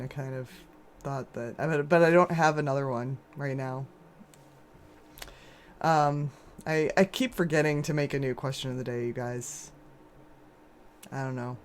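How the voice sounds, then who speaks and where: This is a woman's casual gaming-stream chat with her audience, delivered in a hoarse voice roughened and deepened by a sore throat. She talks in a loose, rambling way, frequently laughing and starting over.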